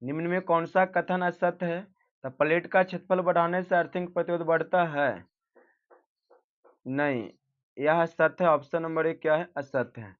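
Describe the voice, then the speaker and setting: A man's voice: a little high, fairly even intonation, moderate pace. A male teacher working through an exam practice set, reading each question aloud and then giving the answer, sometimes correcting himself. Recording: dull lo-fi recording.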